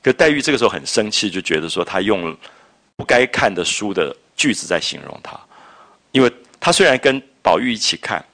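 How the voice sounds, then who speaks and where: A man lecturing on a classic novel, retelling scenes and explaining old phrases in a chatty, lively way. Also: sits low. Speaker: literature lecturer. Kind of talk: storytelling literature lecture.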